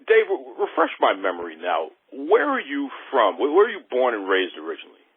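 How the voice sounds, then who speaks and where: A man's voice: mid-range voice, wildly swooping pitch, a little fast, narrow, tinny audio, over music. A man from Boston interviewing a guest casually. He is enthusiastic and often repeats his words.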